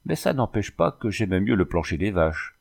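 A man's voice: sits low, very animated, normal speed, gravelly, darkish tone, full character voice. Man doing a whiny seasick old soldier. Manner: whining, hiccuping, hangdog.

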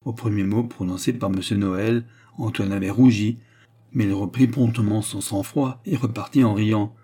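A man reading a classic novel aloud in a measured, even manner. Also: lowish voice, breathy edge. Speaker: audiobook narrator.

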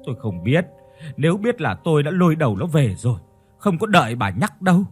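A man's voice: a little high, sing-song, brisk, soft background music. A man voicing an angry, hot-tempered village father in a ghost story. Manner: angry, gruff.

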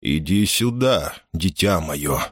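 A man's voice: sits low, expressive, takes it slowly, dry recording, clean studio sound, pitched below the performer's own voice, exaggerated voice. A man voicing a drunk, portly older bishop in an audiobook, coaxing and blustering. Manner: coaxing and oily, then blustering. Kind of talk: audiobook character reading.

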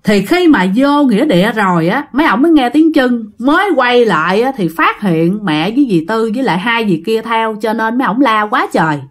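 A woman's voice: a little high, expressive, brisk, hardly any pauses. A woman with a Southern Vietnamese accent telling a ghost story in a chatty way, talking to listeners. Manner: chatty, addressing listeners directly. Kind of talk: casual ghost story narration.

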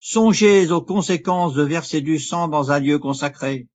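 A man doing a lively young count crying out. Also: fairly high pitch, unhurried, voice pushed up, close to an everyday voice. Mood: urgent. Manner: urgent, exclamatory.

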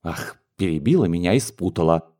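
A man's voice: sits low, lively intonation, a little fast, mellow, voice pushed down. A man voicing a flustered middle-aged mother who frets and stumbles over her words. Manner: fretful, hesitant, flustered.

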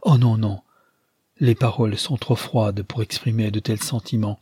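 A man's voice: on the low side, fairly even intonation, moderate pace, dark tone, husky, no room sound, studio quality. A man voicing a young mother, impassioned and tender, in an audiobook reading. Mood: urgent tender. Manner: pleading, urgent.

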